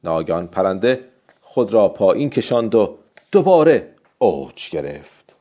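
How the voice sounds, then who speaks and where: A man reads a story aloud in calm, steady audiobook narration. His low, mellow voice moves expressively through its pitch. The recording sounds dull and lo-fi.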